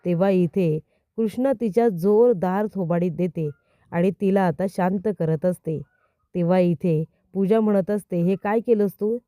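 A woman narrating an episode recap in a steady storytelling way, often speaking directly to the viewers. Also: lowish voice, measured pace, dry recording, clean studio sound.

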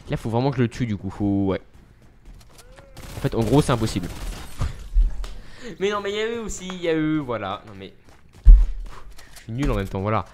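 A man's voice: medium pitch, very animated, normal speed, long pauses, a little mellow, a little hiss or hum. Chatty young man streaming a game. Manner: chatty, self-mocking, thanks viewers constantly. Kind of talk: live game streaming chat.

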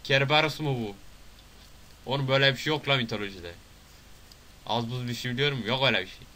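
A young man from Turkey giving casual gameplay commentary, excitable, swearing, swinging between loud outbursts and mutters. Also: medium pitch, quick pace, slight background noise.

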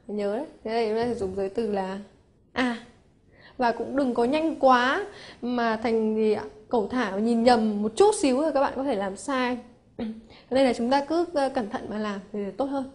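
A woman with a Hanoi accent teaching English prepositions for an exam, explaining step by step and often asking if her students follow. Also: on the high side. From Vietnam. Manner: explains step by step, asks rhetorical checks. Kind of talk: exam-prep grammar lesson.

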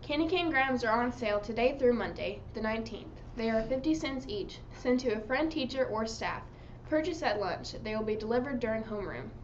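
A woman's voice: a little high, fairly quick, few pauses. Young female announcer on a school broadcast. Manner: steady, scripted reading. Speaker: student announcer. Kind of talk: reading school morning announcements. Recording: dull lo-fi school broadcast with faint hiss.

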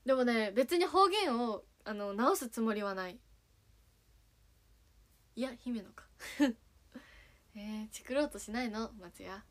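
A woman's voice: a little high, lively intonation, takes it slowly, pauses often. A young woman from Kagawa with a Sanuki dialect accent, chatting casually on a livestream as an idol, reading fan messages with a giggly, playful manner. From Kagawa, Japan. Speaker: idol streaming and chatting with fans.

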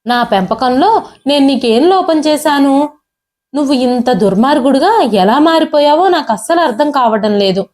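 A woman's voice: sits high, expressive, moderate pace, a little mellow. Give me a woman playing a desperate old father begging his son, in a storybook reading. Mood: hurt. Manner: pleading, tearful.

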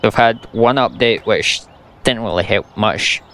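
Here a Scottish gaming YouTuber, young and a native English speaker, takes his time, his somewhat low voice carrying a slight brightness. He complains about a farming game, his play-by-play blunt and laced with sarcasm.

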